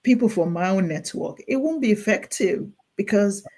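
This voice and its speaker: A clinical nurse specialist appears as a guest and explains things earnestly in a Nigerian accent, urging listeners and often restarting or repeating her sentences. Her voice is medium-pitched and mellow, with lively intonation and a moderate pace.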